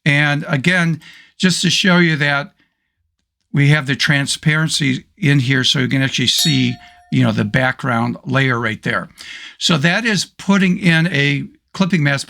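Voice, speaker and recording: Hoarse, gravelly man teaching software. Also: a little high, normal speed. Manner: casual, step-by-step with fillers. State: hoarse, losing his voice. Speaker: photo editing tutor. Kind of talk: screen-recorded software tutorial.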